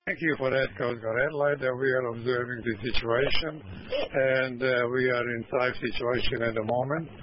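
A man skippering a vessel who answers calmly and formally over a marine VHF radio, with frequent fillers. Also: medium pitch, normal speed. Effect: marine VHF radio transmission. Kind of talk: radio procedure calls. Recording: muffled marine radio audio.

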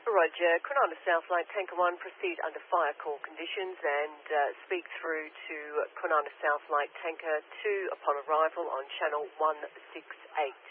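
A man's voice: on the high side, fairly even intonation. Man dispatching over crackly radio. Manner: brisk, formal call-and-response. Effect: two-way radio with static bursts. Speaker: fire service radio dispatcher. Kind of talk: clipped radio procedure talk. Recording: tinny radio line with static.

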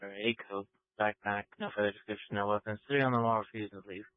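A man's voice comes over a police radio, reading dispatch calls in quick, clipped codes. The sound is thin and tinny like a radio channel, fairly low and completely dry. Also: steady tone, no echo. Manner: clipped, rapid call codes. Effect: police radio transmission.

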